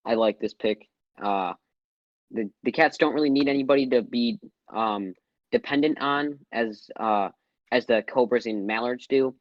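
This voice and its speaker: A man's voice: medium pitch, moderate pace, dry recording. A man on a panel giving confident, enthusiastic opinions in casual talk. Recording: dull lo-fi mic.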